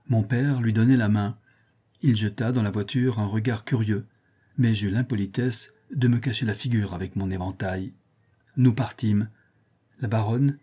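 A man narrating a period novel in the first person as an audiobook, with measured, literary storytelling. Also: fairly low pitch, mellow, husky.

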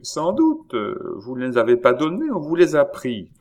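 A man's voice: mid-range voice, huge pitch swings, unhurried, darkish tone, pitched above the performer's own voice. A man voicing an arrogant young viscount who talks in an imperious, mocking, curt way.

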